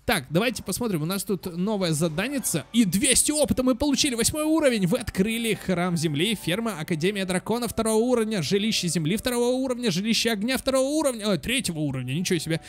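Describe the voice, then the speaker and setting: Speaking quickly with hardly a pause, a young gaming channel host uses a high-pitched, animated voice for kids' let's play commentary. He's casual and chatty, thinks aloud, and repeats words over the game music.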